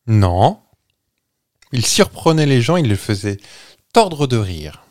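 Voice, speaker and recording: A man's voice: mid-range voice, sing-song, slow pace, darkish tone. A man hosting a casual podcast chat, hesitant with fillers, teasing out clues. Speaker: podcast host running a quiz. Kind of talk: casual chat, guessing game.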